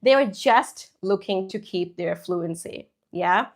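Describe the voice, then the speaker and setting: A female English teacher whose first language is Hindi gives a live stream English lesson, speaking slowly at a medium pitch. She's chatty and animated, full of asides and tag questions.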